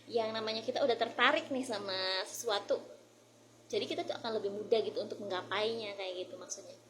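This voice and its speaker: Speaking quickly in a medium-pitched voice over crowd noise, an Indonesian-accented woman gives English-learning tips in a casual vlog, blending English phrases into her Indonesian.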